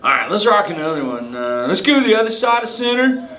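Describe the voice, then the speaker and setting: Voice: medium pitch, sing-song, fast. A performer voicing a laid-back surfer-dude male sea turtle who chats with a live audience in drawling surfer slang, playful and teasing. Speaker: live show character talking with audience. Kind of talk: improvised live audience interaction. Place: indoor theater with live audience. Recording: echoey theater with loud crowd noise.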